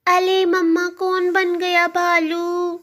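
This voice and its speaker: A woman's voice: very high-pitched, completely flat delivery, takes it slowly, a bit bright, pitched above the performer's own voice, exaggerated voice. A woman voicing two little girls in a doll story, pleading and whining at their mother. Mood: whiny pleading. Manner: pleading, childish calls.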